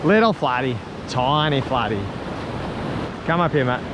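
A young Australian man hosting a casual fishing vlog on a surf beach at sunset, excitable and quick to laugh, recorded on a head-mounted camera. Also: mid-range voice. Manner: excitable, laughing, exclaiming at catches. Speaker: fishing channel host. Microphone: head-mounted action camera. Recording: loud surf and wind noise outdoors.

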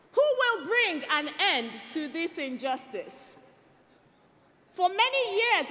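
A woman from Nigeria delivers a rousing rally speech on an arena stage, speaking into a headset mic. Her voice sits very high and sounds bright and forceful, and her pitch swings a lot as she builds to call-and-response shouts. Long reverb from the hall trails every line.

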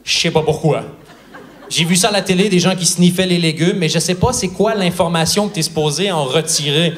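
A man's voice: a little high, brisk, slight background noise. A man performing a stand-up set on a theatre stage, telling a story and acting out the people in it. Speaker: stand-up comedian. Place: theatre stage before a live audience.

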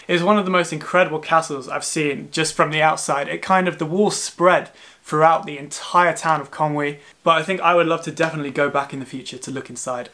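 This young man in his twenties is a travel vlogger chatting to the camera from his living room couch in a casual, self-deprecating way. His voice sits on the high side and has a bit of brightness.

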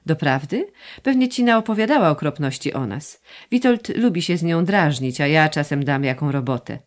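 A woman reading the lines of a fussy noble mother who gushes, complains and coaxes her son for money, with a lively, sing-song delivery. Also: sits low, normal speed. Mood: plaintive. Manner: gushing, complaining, coaxing. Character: fussy aristocratic mother, middle-aged woman, plaintive. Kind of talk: audiobook dialogue reading.

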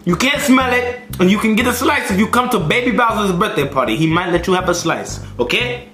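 Brisk and animated, a man with a high, pushed, bright voice plays a bumbling, short-fused chef in a puppet comedy skit. The character whines, swears and sounds flustered. Roomy echo and faint music fill the recording.

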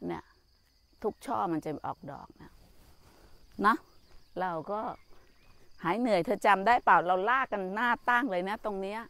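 An older woman walks outdoors among trees and teaches in a gentle, motherly way. She calls her listeners "child" as she speaks. Insects chirp faintly behind her. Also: medium pitch, moderate pace, long pauses, no room sound. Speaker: Buddhist nun and teacher. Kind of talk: walking talk on nature and mindfulness.

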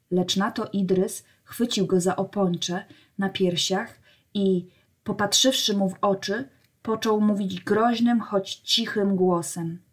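A woman reading a children's novel aloud as a storyteller, in a measured, clear way. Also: mid-range voice. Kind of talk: storybook narration.

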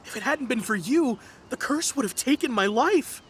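A man's voice: very high voice, lively intonation, normal speed, background noise. A man voicing a timid, superstitious young townsman in a game, hesitant, earnest and polite. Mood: anxious, grateful. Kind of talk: animated game character acting. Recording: clear music behind the voice.

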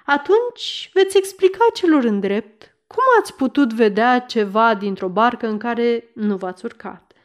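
A woman's voice: fairly high pitch, expressive, lightly acted. A woman voicing a stern middle-aged male mayor in an audiobook, speaking firmly and asking pointed questions. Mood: ironic. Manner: firm, questioning. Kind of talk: audiobook reading.

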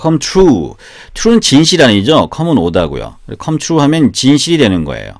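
A man with a mid-range, creaky voice gives a casual spoken English lesson at a measured pace, his pitch swinging widely. He keeps it chatty, often asking rhetorical questions, repeating phrases, and singing examples. A guitar plays in the background.

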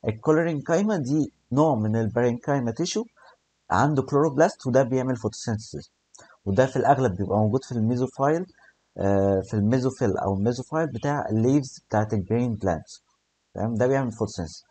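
A man's voice: medium pitch, rapid-fire, mellow, breathy edge. A young man with an Egyptian accent, teaching in a casual recorded lesson that mixes in many English terms and often checks in with listeners. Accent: Egyptian Arabic. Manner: explains in colloquial speech full of English terms, with restarts and check-ins.

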